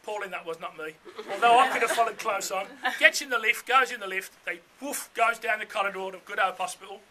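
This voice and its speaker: Male, middle-aged; piercingly bright, high-pitched voice; jokey, conversational wedding speech. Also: quick pace, a little hiss or hum. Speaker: father of the bride giving a speech. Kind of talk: informal wedding speech with comic anecdotes. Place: room full of wedding guests.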